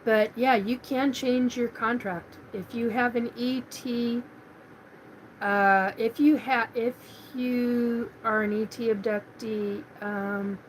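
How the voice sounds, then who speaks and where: On a live paranormal stream, a middle-aged woman from Washington State rambles casually through a monologue with plenty of fillers and restarts. Her voice is on the high side, steady and slow, and the low-quality recording has a slight hiss or hum.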